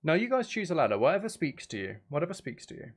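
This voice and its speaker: This man talks fast in a slightly high, sing-song voice while making music on a livestream. He chats casually with viewers, rambling and thinking aloud over music and synth sounds.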